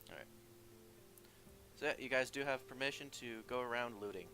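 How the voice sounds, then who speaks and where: Bright-voiced halting game master, man. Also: medium pitch, soft background music, poor audio. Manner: halting, many fillers and restarts. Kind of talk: casual tabletop game narration.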